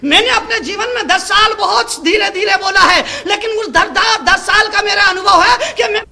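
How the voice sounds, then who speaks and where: A man preaching a sermon loudly and emphatically to a large tent assembly, repeating his phrases. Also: extremely high pitch, moderate pace, creaky. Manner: loud, emphatic, repetitive preaching. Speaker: Jain monk preacher.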